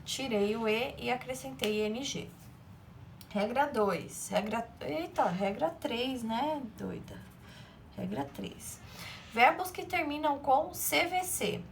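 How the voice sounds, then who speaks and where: A woman teacher walks through a recorded grammar lesson, her voice sitting a little high. She explains each step patiently and keeps checking that her pupils follow along. A faint hiss of background noise runs under her voice-over. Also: animated, slow, vocal fry. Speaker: English teacher.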